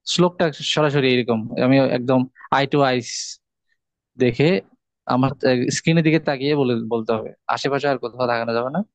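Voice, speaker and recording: A man's voice: mid-range voice, moderate pace, dry recording. Patient man teaching an online class. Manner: patient, explains step by step with hesitations. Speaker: course teacher.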